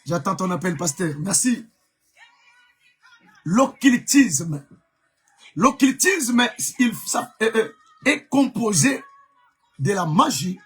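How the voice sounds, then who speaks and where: Husky high-voiced Congolese preacher. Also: male voice. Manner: emphatic, repeats key words, frequent fillers. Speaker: evangelist preacher. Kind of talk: live-streamed sermon.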